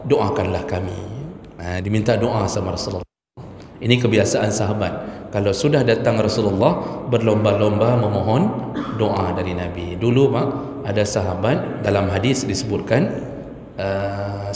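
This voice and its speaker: A man's voice: on the low side, a little mellow, slight background noise. A male preacher giving a chatty, joking sermon lecture, talking straight to his listeners in a mosque. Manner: jokey, chatty, addresses listeners directly. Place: mosque hall. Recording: echoey mosque hall, faint ambience.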